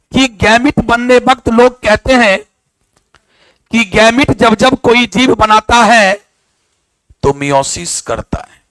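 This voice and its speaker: A man's voice: high voice, fairly bright tone, no room sound. A male teacher giving a classroom lecture, quizzing and scolding his students.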